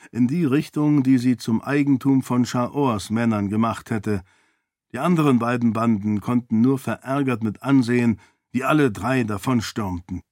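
A man reading audiobook narration in a measured, even storytelling manner. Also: medium pitch, no echo, studio quality.

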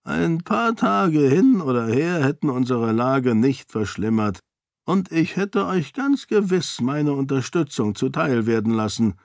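A man voicing an older duke in an audiobook, gruff and measured in his speech. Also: medium pitch, lively intonation, no room sound, clean studio sound, voice pushed up. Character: older duke, gruff self-styled old bear. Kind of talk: audiobook character voice.

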